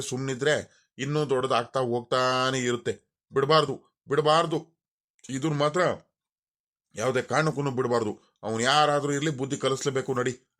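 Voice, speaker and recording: A man's voice: medium pitch, a bit bright, natural voice. A man voicing a scolding village father. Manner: scolding, grumbling, repeats himself. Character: angry worried father, village landowner, middle-aged man. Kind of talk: cartoon voice acting.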